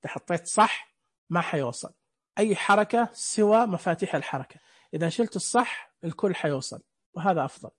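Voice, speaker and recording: A man's voice: high voice, expressive, fairly quick, fairly bright tone, husky. A man teaching a screen reader class online, explaining each setting step by step and asking the listeners questions. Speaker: instructor. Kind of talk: screen reader software tutorial.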